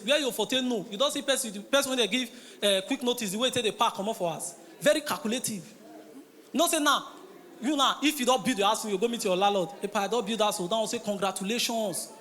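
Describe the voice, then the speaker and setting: A man with a Nigerian Pidgin accent doing stand-up comedy, telling stories and acting out the characters in them. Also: extremely high pitch. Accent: Nigerian Pidgin English. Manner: animated storytelling, acting out characters. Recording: reverberant hall.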